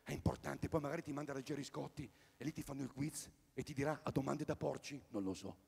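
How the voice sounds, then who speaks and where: Rambling Italian stand-up man, gravelly. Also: mid-range voice, little pitch movement, fast, long reverb tail. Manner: rambling, jokey, swings between loud bursts and mutters. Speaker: stand-up comedian. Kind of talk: stand-up comedy routine at a live concert. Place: outdoor tennis courts at a live event.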